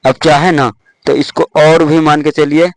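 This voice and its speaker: A man's voice: on the high side, level tone, measured pace, no room sound, low-quality recording. A young man casually walking viewers through an app, step by step, with lots of "dekhiye" and "thik hai". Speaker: tech tutorial host. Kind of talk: casual screen-recorded app tutorial.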